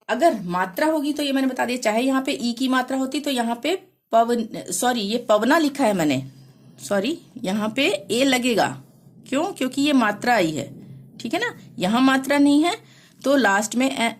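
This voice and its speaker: A woman teaching a language lesson, explaining slowly and patiently, often pausing to check that the listener follows. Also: high-pitched, expressive. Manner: slow, repeats "theek hai" to check understanding. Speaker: Hindi teacher.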